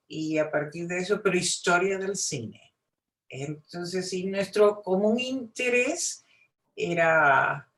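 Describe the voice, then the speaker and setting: A woman from Peru with a Peruvian Spanish accent gives an informal academic talk in a conversational way, often adding little tag questions. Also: lowish voice. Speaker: academic, film historian speaking at a seminar. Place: seminar room, indoors. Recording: echoey room sound.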